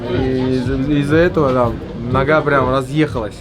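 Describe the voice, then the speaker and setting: A man's voice: mid-range voice, fairly even intonation, moderate pace. A man, a fighter, talking casually and colloquially in short bursts in an interview. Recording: noisy crowd behind voice.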